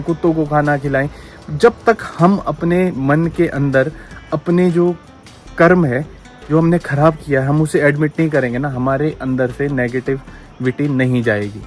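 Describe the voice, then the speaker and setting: Earnest young man musing in a vlog. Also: fairly high pitch. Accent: Pahari-region Hindi. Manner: earnest, reflective, repeats phrases for emphasis. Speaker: vlogger. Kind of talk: casual vlog talk with spiritual musing. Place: outdoors at home, yard.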